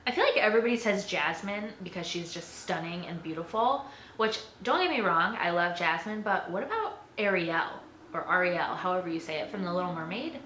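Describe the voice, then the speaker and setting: A young woman chats to her camera about herself, her voice bright and sharp while sitting a touch low. She rambles casually with plenty of "like" and "um". The room is echoey, with a faint hiss behind her. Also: animated, fairly quick. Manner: chatty, filler-heavy with frequent "like" and "um". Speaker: YouTuber. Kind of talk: casual tag video chat.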